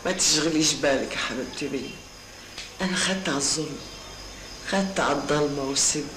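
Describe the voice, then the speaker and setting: An actress with an Egyptian accent playing an older imprisoned mother, soft, affectionate and resigned. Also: low voice, fast, echoey room, noisy background, lightly acted. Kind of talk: film drama acting.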